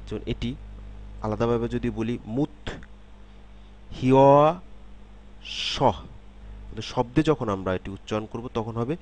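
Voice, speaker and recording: A man's voice: medium pitch, steady tone, measured pace, pauses often, darkish tone. A man giving a step-by-step pronunciation lesson, repeating each example sound several times and asking checking questions. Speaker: language teacher.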